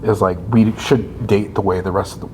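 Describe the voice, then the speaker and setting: A man in his thirties with a somewhat low voice, co-hosting a laid-back faith podcast. He thinks out loud and keeps checking in with a quick "right?" as he talks. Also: steady tone, slight background noise, rough recording. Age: 30s. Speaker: podcast co-host. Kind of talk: casual faith podcast chat.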